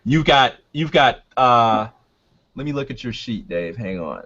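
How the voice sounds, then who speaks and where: A man running a tabletop game as game master, talking casually and haltingly as he thinks aloud and checks rules. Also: mid-range voice, animated, a bit bright. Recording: dull, lo-fi sound.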